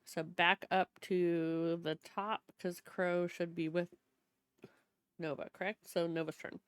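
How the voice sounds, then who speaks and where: A woman's voice: fairly low pitch, little pitch movement, slow pace, smooth, dry recording. A woman running a tabletop game as game master, thinking aloud as she goes.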